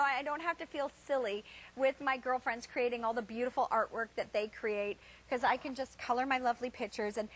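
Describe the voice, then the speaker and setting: Female home shopping host, high voice, chatty and self-deprecating, casual live presentation. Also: fairly bright tone.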